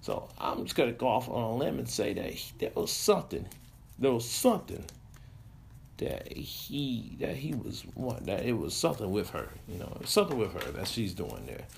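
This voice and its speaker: A man's voice: mid-range voice, sing-song, normal speed, gravelly, slight background noise. A man hosting a casual storytelling show, rambling with many restarts and fillers, chuckling at his own stories. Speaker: podcast host telling stories.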